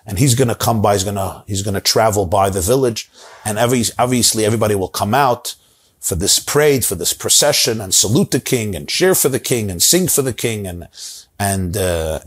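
A middle-aged man with a lowish, slightly rough voice tells a story dramatically and repetitively, gesturing broadly as he goes. It's animated storytelling, captured on a lapel mic in a study lined with bookshelves.

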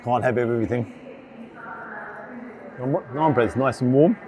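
A man's voice: medium pitch, a little slow, a little mellow, poor audio. A man, chatting casually and matter-of-factly to camera as a food vlogger. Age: 50s. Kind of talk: casual vlog talk to camera. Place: large open train station concourse restaurant. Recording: busy station noise and announcements. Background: station ambience, background announcements.

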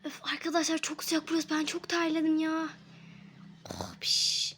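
A woman's voice: high-pitched, monotone, fairly quick, a little hiss or hum. A woman making a casual role-play vlog with a toy game, chatty, giggly and playful.

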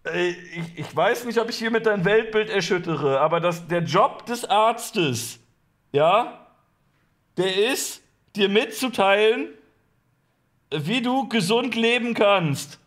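A young man with a high voice for a man comments on a clip over his stream. He mocks what he hears, swears, and laughs a lot. His delivery is loose and sarcastic. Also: lively intonation, takes it slowly, fairly bright tone. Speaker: streamer reacting to a talk show clip. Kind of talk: mocking live-stream commentary.

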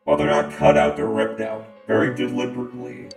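A man delivering comedic fan-film dialogue in a dry, deadpan way, stammering now and then. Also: on the low side, fairly quick, vocal fry. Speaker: channel host and lead player. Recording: roomy with loud music behind.

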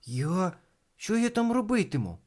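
A man voicing a bold, clever young boy in a storybook reading, speaking in an eager, excited way. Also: unhurried, full character voice. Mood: surprised. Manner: eager, excited, high-pitched.

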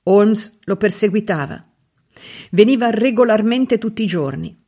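A woman narrating a literary novel as an audiobook reader, in a measured, expressive reading with dramatic pauses. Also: mid-range voice, slightly rough.

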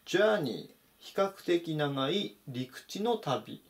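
Lively-voiced man teaching English words. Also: on the high side, slow pace. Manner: methodical, stresses pronunciation points. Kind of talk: explanatory vocabulary lesson.

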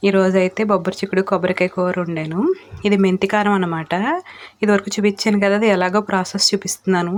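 A middle-aged woman chatting to her viewers in a homely, friendly way as she narrates her day and a home cooking recipe. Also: mid-range voice. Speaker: vlogger.

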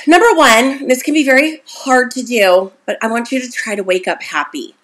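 A woman's voice: medium pitch, fairly bright tone. A woman in her forties giving a casual motivational talk to camera as a self-esteem coach, chatty and encouraging, often checking in with her listener. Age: 40s.

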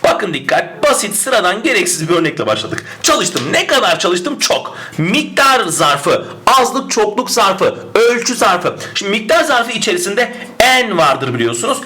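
A male grammar teacher giving a lively, emphatic exam-prep lesson, sometimes asking his students' questions aloud and answering them. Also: high-pitched, normal speed.

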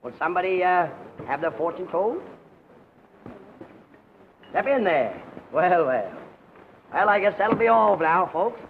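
An actor playing a brash American sideshow barker in a 1930s film, declaiming a repetitive showman's pitch to draw customers. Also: big pitch swings, a little slow, pauses often, phone-quality sound, full character voice. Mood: showy, coaxing. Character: brash carnival sideshow barker hawking attractions to the crowd. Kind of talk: 1930s film acting, sing-song barker patter. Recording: thin, hissy 1930s film soundtrack.

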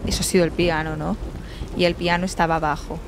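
A young woman from Spain with a Spanish accent, playing a horror game and commenting, shrieking and swearing when startled and speaking slow, loud English to the game. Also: fairly low pitch, level tone, background noise. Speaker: gaming streamer. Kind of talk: let's play commentary.

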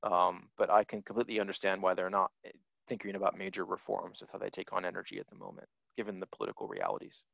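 A man's voice: low voice, flat delivery, quick pace, creaky, no echo. A man in his forties, a guest lecturer on a video call, answering audience questions thoughtfully with fillers. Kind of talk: academic Q&A answer. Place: office with posters on the wall. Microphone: headset on a video call. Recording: dull video call audio.

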